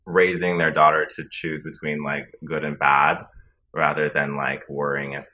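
Podcast guest: man, extremely deep buzzy fry voice, monotone, bright edge, chatty. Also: moderate pace. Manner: chatty, many filler likes. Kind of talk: casual chat.

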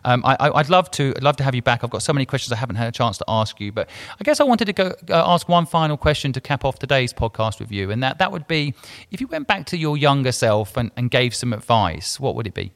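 A man's voice: mid-range voice, very animated, fast, a bit bright. A man hosts a conversational podcast interview with a mid-range voice. He is friendly but hesitant, stumbling and restarting his phrases. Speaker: podcast host.

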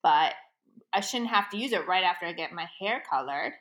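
Bright, lively woman, forties, casual podcast co-host telling stories. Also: on the low side, a little fast. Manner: animated storyteller, laughs often. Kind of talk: casual chat.

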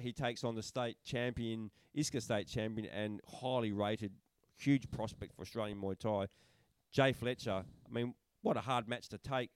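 A middle-aged man co-hosts a podcast, recapping fights in relaxed, excited conversation full of fillers and false starts. His voice sits fairly low and sounds clean, with no echo.

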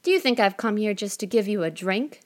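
A woman's voice: mid-range voice, expressive, fairly quick, close to an everyday voice. A woman doing a sneering spoiled girl. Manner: sneering and sulky. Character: rude, proud spoiled young girl.

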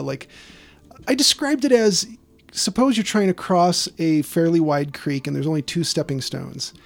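Gravelly, higher-voiced male podcast host. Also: a little mellow. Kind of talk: casual podcast chat. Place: small garden shed.

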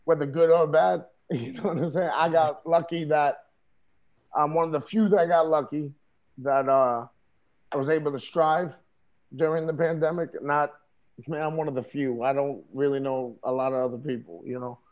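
A man's voice: fairly high pitch, fairly even intonation, normal speed, highs cut off. A man talking casually over a video call in a streetwise, emphatic way, often asking "you know what I mean?". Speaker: interview guest, wrestler.

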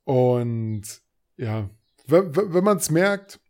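Man, Berlin accent, mellow voice, halting filler-heavy casual chat. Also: mid-range voice, big pitch swings. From Berlin, Germany. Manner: hesitant, many filler pauses. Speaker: podcast co-host. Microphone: new microphone over a video call.

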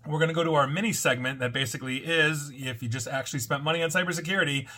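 An American man hosts a weekly cybersecurity news roundup, reading reports in a scripted style and adding wry, sardonic asides. His voice is fairly high, pushed and bright, delivered rapid-fire.

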